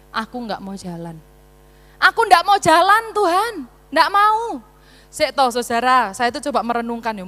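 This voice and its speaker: A woman preacher, giving an animated, playful sermon with interjections. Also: sits high, long reverb tail. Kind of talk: lively sermon. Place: church.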